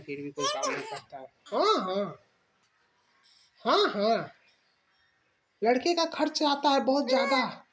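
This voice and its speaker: A man's voice: sits high, a bit bright, a little hiss or hum. A man at home, talking to his small child in coaxing baby talk in a casual home video. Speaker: father talking to his toddler.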